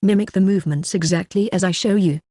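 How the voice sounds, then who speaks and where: A storybook reader voicing a composed, authoritative ancient sorceress who is also a mother, speaking calmly and instructively. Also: medium pitch, fast, no room sound, studio quality, lightly acted. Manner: calm, instructive.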